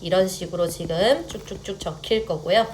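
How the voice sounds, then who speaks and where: A woman's voice: on the low side, normal speed, a little mellow. Young adult woman, math teacher, step-by-step lecture, frequent check-ins, faint background noise. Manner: checks in with students, mixes polite and casual speech.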